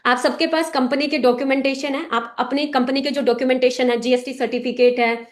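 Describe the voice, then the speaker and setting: Brief: a woman with a high voice leads a team meeting, firm and instructive, often checking everyone is following. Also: fairly even intonation, a little fast. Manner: direct and instructive, often checking listeners understand. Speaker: team leader addressing a business meeting. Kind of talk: motivational talk to a sales team.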